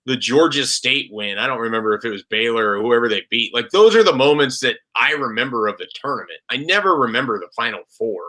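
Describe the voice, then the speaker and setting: A man's voice: lowish voice, sharp tone. A man talking as a sports reporter guest on a casual podcast, chatty and rambling with lots of "like" fillers.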